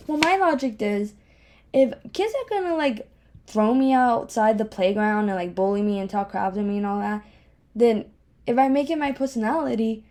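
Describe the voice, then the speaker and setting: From her home office, a young woman podcast host with a speech impediment chats solo in a rambling, candid, self-deprecating way. Her voice is on the high side and dark in tone.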